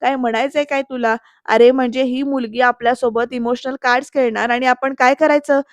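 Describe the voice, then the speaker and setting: A man's voice: very high voice, fairly even intonation, fairly quick, no room sound, studio quality. A woman voicing a hot-headed young man who bursts out angrily and repeats himself. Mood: furious. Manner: angry outbursts, repeating himself.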